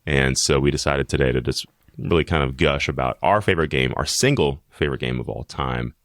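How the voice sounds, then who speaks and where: A man's voice: rumbling low, fairly quick, a bit bright, no echo, clean studio sound. A man co-hosting a podcast, chatting casually and in a friendly way with his co-host. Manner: friendly, chatty, many fillers.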